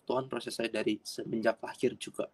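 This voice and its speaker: A man preaching a personal testimony sermon in an earnest way, with sudden loud bursts of emphasis and frequent repetition. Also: mid-range voice, flat delivery, brisk. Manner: addresses audience as friends, repeats himself.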